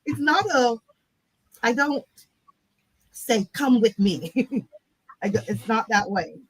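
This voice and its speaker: A Barbadian nonprofit CEO speaks slowly and expressively in a slightly high, slightly rough voice. As a guest in a conversational interview she reflects and keeps asking "right?". The low-quality recording has no echo.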